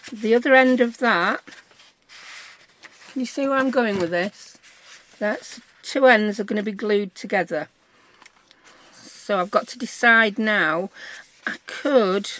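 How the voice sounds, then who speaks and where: British female craft presenter, medium pitch, informal step-by-step instruction, thinks aloud and checks the viewer is following. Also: fairly bright tone. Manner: chatty, thinks aloud, checks with listeners using tag questions. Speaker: craft tutorial host. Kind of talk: casual step-by-step craft demonstration.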